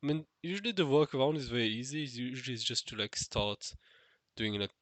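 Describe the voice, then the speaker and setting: With an animated, mid-range voice and a quick pace, this nasal-voiced vlogger muses solo to the camera in an unscripted monologue. There's no room sound, and he hesitates a lot, leaning on fillers and restarting phrases.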